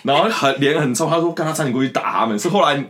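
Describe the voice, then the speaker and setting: A co-host, in quick, chatty back-and-forth on a casual podcast. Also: medium pitch, fairly bright tone. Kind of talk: casual chat.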